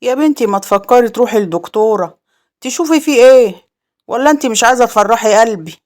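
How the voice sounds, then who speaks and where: A woman's voice: on the high side, expressive, fast, a little mellow, natural voice. A woman voicing an older village mother-in-law who sighs and hints with regret, with an Egyptian accent. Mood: coaxing. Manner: sighing, full of regret, cutting hints.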